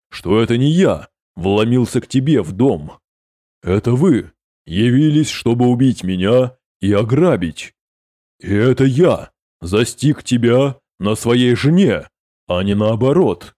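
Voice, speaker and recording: A man's voice: medium pitch, no echo, studio quality, close to an everyday voice. A man voicing a cold, sarcastic sorcerer. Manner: calm, cutting, sarcastic.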